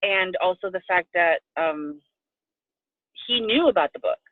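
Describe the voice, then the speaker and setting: This Puerto Rican coaching client talks a little slowly in a lowish, expressive voice, with no room sound, though the line is tinny like a phone. Interviewed by video call, she gushes effusively and now and then becomes tearful.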